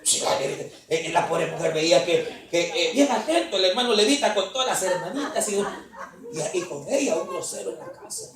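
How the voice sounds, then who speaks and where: A male pastor delivers a lively sermon, his pitch leaping up and down as he tells stories and calls out to the congregation. He sounds distant from the mic, and his voice rings around a very echoey hall. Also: moderate pace, a crowd in the background. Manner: animated storytelling preacher, often calling out to the congregation. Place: church conference hall.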